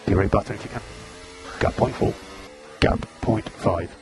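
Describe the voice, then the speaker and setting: A man's voice: fairly low pitch, moderate pace, vocal fry, over music. A man working as race engineer, giving terse, clipped pit radio calls over a team radio link, repeating gaps and status updates. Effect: team radio transmission.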